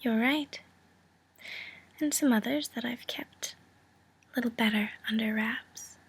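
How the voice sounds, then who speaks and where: A woman's voice: fairly high pitch, unhurried, full character voice. Woman playing a whispering mobster woman, friendly threat. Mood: veiled threat. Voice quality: breathy whisper. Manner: friendly threat, smooth and teasing menace. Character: cool, calculating woman mobster proposing a partnership. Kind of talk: whispered role-play.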